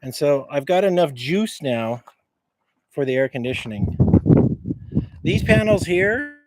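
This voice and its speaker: A man walking around outdoors on his property, casually showing things off to a handheld camera in a halting, rambling way that keeps repeating words. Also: on the high side, very animated. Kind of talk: casual rambling show-and-tell. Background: faint wind noise.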